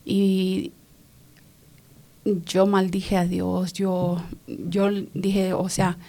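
A woman from Los Angeles giving her personal testimony in an interview, speaking haltingly, repeating words and slipping in English phrases. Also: medium pitch, monotone, gravelly, dark tone. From Los Angeles, California.

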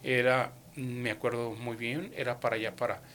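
A man shares his faith testimony at a moderate pace and medium pitch, with a slight hiss or hum in the background. He brings old conversations to life by acting out the dialogue, sprinkling in English words.

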